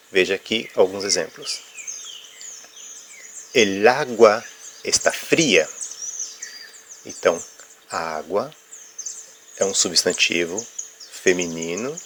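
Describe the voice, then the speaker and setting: A man with a fairly low voice explains grammar at an unhurried, deliberate pace. He pauses on "ah" as he walks through examples and checks in with "ok?". Faint birdsong and insects sit in the background. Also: fairly bright tone, a little hiss or hum. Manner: uses filler "ah" while explaining. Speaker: Spanish teacher.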